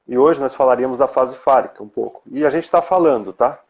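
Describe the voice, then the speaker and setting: A man hosting a live talk show, asking slow rhetorical questions in casual chat. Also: medium pitch, a little mellow, muffled recording.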